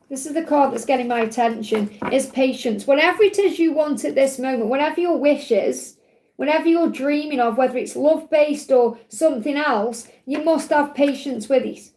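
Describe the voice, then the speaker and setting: A woman's voice: high-pitched, darkish tone. A woman with a Stoke-on-Trent accent, giving a casual, reassuring live card reading to viewers. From Stoke-on-Trent, England. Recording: roomy, echoey sound.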